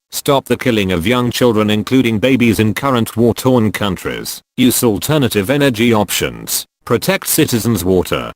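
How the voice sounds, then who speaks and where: Anonymous spokesman, male, voice disguised deep, grave and accusatory, dry close read. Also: dry recording. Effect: disguised deep voice, pitch-lowered. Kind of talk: scripted address.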